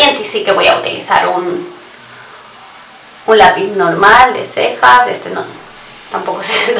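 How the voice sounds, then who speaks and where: A woman talks her viewers through her makeup in a chatty vlog, often breaking off to fix her own words. Her voice is bright and sits a little high. It rings in a roomy space, caught from a bit away from the mic. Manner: chatty, addresses viewers directly, frequent self-corrections. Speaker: beauty vlogger. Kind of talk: casual makeup tutorial. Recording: roomy echo, voice somewhat far from mic.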